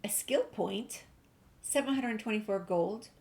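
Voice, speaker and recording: A gaming video creator offers easygoing, informal commentary on her playthrough, reading game text and dialogue choices aloud. Her voice is medium-pitched and measured, with background noise present.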